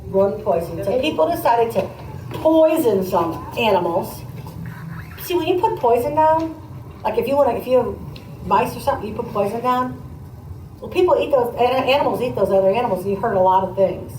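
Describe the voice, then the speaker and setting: Reading to children with chatty asides, this female teacher sounds high-ish, animated and a little mellow, going a little fast. She explains as she goes and prompts the kids with questions, recorded at a distance amid room noise and a roomy sound.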